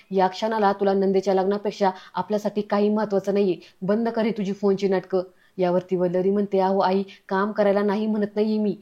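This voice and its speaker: A woman's voice: medium pitch, mellow. A woman retelling a TV serial episode, reading the characters' lines in her own voice. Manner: reads characters' lines with little change of voice. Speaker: serial recap narrator. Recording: dull lo-fi recording.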